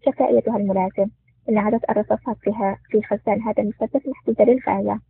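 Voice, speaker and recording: A man's voice: high voice, steady tone, racing, creaky, slightly rough, dry recording, full character voice. A man voicing a bold, sarcastic male intelligence officer in a spoken story, with a curt, mocking manner. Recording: tinny phone-like sound.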